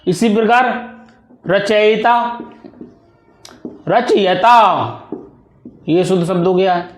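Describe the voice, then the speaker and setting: A man teaching a grammar lesson for exam preparation, reading out correct and incorrect words slowly and deliberately, one by one. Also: sits high. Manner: slow, deliberate, word-by-word dictation of correct and incorrect forms.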